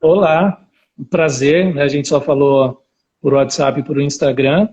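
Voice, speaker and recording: A talkative man of around forty, an academic researcher with an interior São Paulo Brazilian Portuguese accent, casually tells his own story as a guest on a live video call interview. His voice is fairly high with fairly even intonation, a measured pace and a slightly mellow quality. The recording is low-quality.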